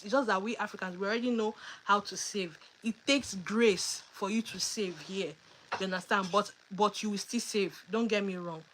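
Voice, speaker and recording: A woman chats through a livestream Q&A at a medium pitch. She reads questions from viewers and answers with animated emphasis and playful teasing. A faint hiss of background noise sits behind her voice. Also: rough recording. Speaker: livestream host. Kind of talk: casual livestream Q&A.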